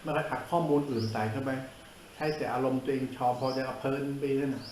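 A man's voice: mid-range voice, steady tone, quick pace, darkish tone, roomy sound, slight background noise, rough recording. An older man, a monk giving a blunt, informal sermon, coarse and scolding, who laughs at his own jokes.

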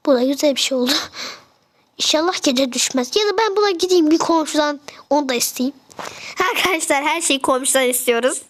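A woman's voice: high voice, fairly quick, a little hiss or hum. A young woman chatting casually as she narrates a game, fretting and exclaiming as she goes. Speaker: game video creator.

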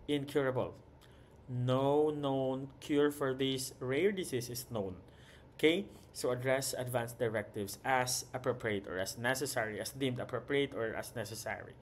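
A man's voice: medium pitch, a little hiss or hum. A young man with a Filipino accent teaching a nursing exam review, repeating key points and checking in with listeners. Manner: mixes English and Tagalog, repeats key points, frequent "okay?".

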